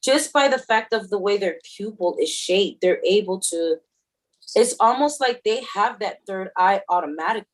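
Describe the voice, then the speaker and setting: A woman's voice: mid-range voice, expressive, normal speed, dry recording. A woman co-hosting a casual spiritual talk show, emphatic and given to repeating her points. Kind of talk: casual chat, live reading session.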